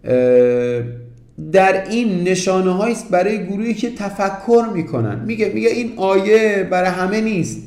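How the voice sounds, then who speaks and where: A man with a high-pitched voice gives a motivational relationship talk, earnest and emphatic, stacking repeated phrases and turning to the listener often. His voice rings in a roomy, echoing space. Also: lively intonation, darkish tone. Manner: addresses the listener directly. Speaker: relationship coach. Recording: roomy echo.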